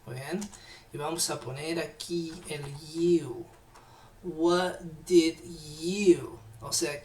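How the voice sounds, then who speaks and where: A man teaching English in a live online class, patiently repeating phrases slowly. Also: fairly high pitch, far from the mic. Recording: echoey room, off-mic.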